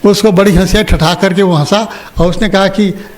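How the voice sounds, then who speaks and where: A man's voice: sits high, fairly even intonation, normal speed. An older man giving a religious discourse, telling a story and asking his listeners questions. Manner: storytelling, asks the audience questions. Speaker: spiritual teacher. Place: ashram opening ceremony hall.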